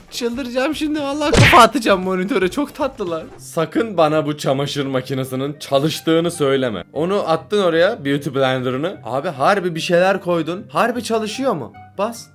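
A young man hosting a reaction video, excitable and slangy, laughing and exclaiming often as he comments. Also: high voice, normal speed.

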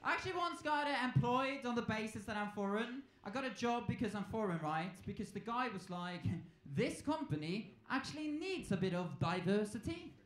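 A man from Norway in his twenties does stand-up in a comedy club, animatedly acting out exchanges in a conversational style. His very high, a bit bright voice moves a little fast with few pauses. The handheld stage mic picks up echo and crowd noise.

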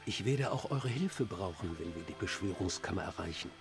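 A man playing an anxious, devout dark-elf priest in a fantasy game, speaking formally and earnestly. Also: sits low, lively intonation, moderate pace, gravelly, soft background music. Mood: earnest, cautious. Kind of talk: fantasy game dialogue acting.

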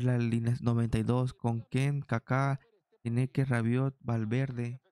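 A young man doing excitable play-by-play of his own football video game match for viewers. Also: medium pitch, dry recording. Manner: excitable, addresses viewers as "señores", shouts at big chances. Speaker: gaming YouTuber.

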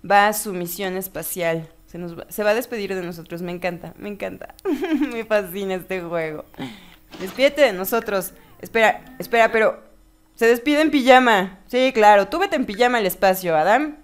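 A woman's voice: mid-range voice, normal speed. Giggly woman playing a game. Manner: giggly, playful, often corrects herself. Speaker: gaming video host. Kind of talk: let's play commentary, reading game text aloud.

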